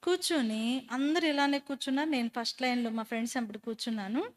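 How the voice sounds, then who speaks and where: A woman with a high, bright voice tells her faith story to a church group. She speaks as a storyteller and keeps turning to her listeners with questions. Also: fast. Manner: animated storyteller who quizzes listeners. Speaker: speaker giving a personal testimony.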